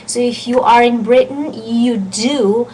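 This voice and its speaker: A woman gives an online pronunciation lesson in a fairly high voice. She talks earnestly, restarts her sentences and drawls out each vowel as she shows it. A faint hiss sits behind her. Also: a little mellow, low-quality recording. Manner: earnest, restarts often, slows down to demonstrate vowel sounds. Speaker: French teacher.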